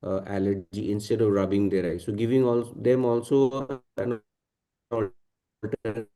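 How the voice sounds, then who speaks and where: A man speaks as a senior doctor offering advice to colleagues. His voice is lowish and very soft-edged and dark, and he explains haltingly, working out each point as he goes. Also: fairly even intonation. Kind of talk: informal explanatory panel advice.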